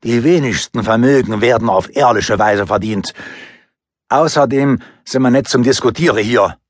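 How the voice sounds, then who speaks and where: A man's voice: mid-range voice, normal speed, no room sound, studio quality, natural voice. A man voicing a cheerful male robber dressed as St. Nicholas, breezy and pushy. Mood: sunny, pushy. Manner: breezy, sunny menace.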